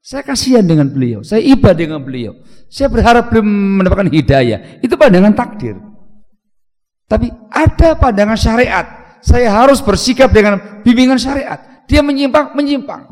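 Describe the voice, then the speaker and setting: A man preaching a sermon, telling a story in a lively way that swings from loud emphasis to hushed asides. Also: high voice, normal speed. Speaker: Islamic preacher. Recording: long hall reverb.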